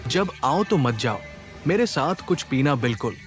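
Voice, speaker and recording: A man's voice: medium pitch, sing-song, normal speed, highs cut off, soft background music, lightly acted. A man dubbing a stern, aloof young billionaire CEO in a TV drama, speaking curtly and coldly. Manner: curt and cold. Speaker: boss. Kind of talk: Hindi dub of a TV drama.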